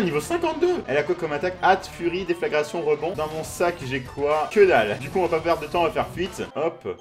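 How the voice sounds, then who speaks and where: A man hosting a let's play video, commentating excitably on a fan game and swearing casually. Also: fairly high pitch. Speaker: gaming video host.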